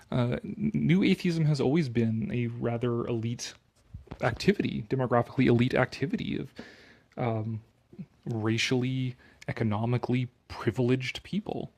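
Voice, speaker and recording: Reading an article aloud with heavy sarcasm and drama, a man interrupts himself for casual, mocking and opinionated asides, including some swearing. He talks at normal speed in a medium-pitched voice that is creaky and darkish in tone.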